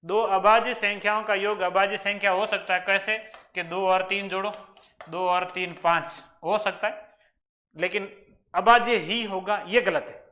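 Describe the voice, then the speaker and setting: A man's voice: sits high, steady tone, a little slow, pushed and bright. A man with a Rajasthani accent teaching an exam-prep maths lesson, working through problems step by step and answering his own questions.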